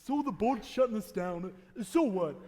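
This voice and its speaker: In 1940s radio-play style, a man acts as a bumbling, cheerful, boozy uncle aged fifty-five or older, his voice very high-pitched, excitable, and flustered. He rambles and exclaims at normal speed, taped live on stage in an echoey hall.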